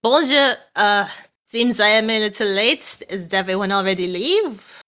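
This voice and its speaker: A polite, formal adventurer woman who slips French words into slightly broken English, voiced by a woman player. Her tone is bright and clear, with an even middle pitch and a lightly put-on accent. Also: a little slow. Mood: cheerful.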